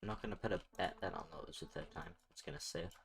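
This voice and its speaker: A man's voice: low voice, rapid-fire, creaky. A young man casually commenting on his own game, muttering to himself and getting flustered at times. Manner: mutters to himself, jumps between calm and flustered. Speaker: gamer streaming gameplay.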